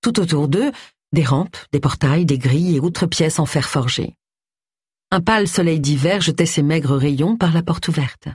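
Husky, dry audiobook narrator. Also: mid-range voice, moderate pace, a little mellow, no room sound. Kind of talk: scripted narration of a cozy mystery.

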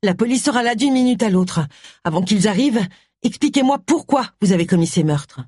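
A woman's voice: medium pitch, lively intonation, fairly quick, a little mellow, breathy edge, no room sound, studio quality, voice pushed up. A reader voicing a nosy, blunt middle-aged woman detective who speaks insistently. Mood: accusing.

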